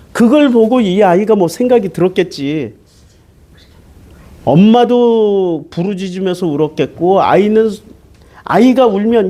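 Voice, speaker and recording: A man's voice: sits high, mellow. A man preaching a Bible-teaching sermon as pastor, talking casually and asking his listeners question after question. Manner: conversational, switching between polite and casual speech.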